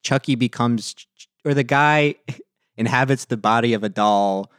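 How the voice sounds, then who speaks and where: A man's voice: medium pitch, moderate pace, fairly bright tone, clear, resonant tone, no room sound, studio quality. A male podcast co-host in casual chat, amused, explaining with lots of fillers.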